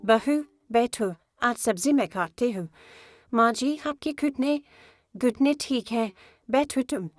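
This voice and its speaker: A woman voicing an older mother-in-law who speaks kindly and slowly. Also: fairly high pitch, dry recording, faint music behind. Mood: caring.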